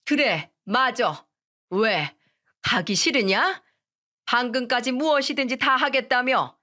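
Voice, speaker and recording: A woman voicing a strict middle-aged mother-in-law who scolds and gives orders in a firm, fairly high voice. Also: takes it slowly, pushed and bright. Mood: stern. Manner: stern, scolding.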